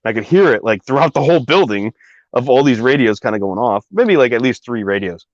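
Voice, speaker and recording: A man's voice: mid-range voice, animated, fast talker, dry recording. Rambling man telling a story. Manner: rambling, many fillers and asides. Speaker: guest telling a personal story. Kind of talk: casual conversational storytelling. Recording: dry, slightly dull recording.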